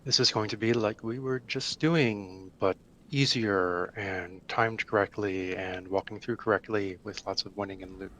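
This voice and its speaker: A man leading an online game raid over voice chat, calm and instructive as he gives directions. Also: on the low side, moderate pace, slight background noise. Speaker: raid leader. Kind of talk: gaming voice chat.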